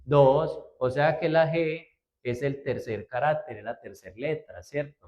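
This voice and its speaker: A male instructor leads a computer class at a steady, even pitch. He explains each step patiently and keeps checking that his students are following along. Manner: patient, step by step, checks understanding with frequent "¿cierto?". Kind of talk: classroom spreadsheet lesson.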